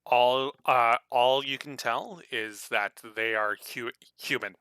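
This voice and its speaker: Halting, bright-voiced male game master. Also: medium pitch, clean tone, no room sound. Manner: halting, full of fillers and restarts. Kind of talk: narrating a tabletop role-playing game.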